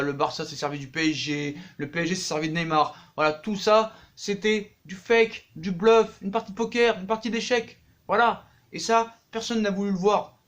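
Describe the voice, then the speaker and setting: A man talking casually about football transfers in a vlog, acting out the people he talks about, with slangy jokes. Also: on the high side. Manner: animated, acts out the people he talks about, jokey street slang. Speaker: football vlogger.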